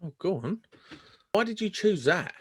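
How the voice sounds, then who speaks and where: A man's voice: high voice, very animated, normal speed, slightly rough. A man hosting a podcast, interviewing in a casual, chatty style. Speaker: podcast host.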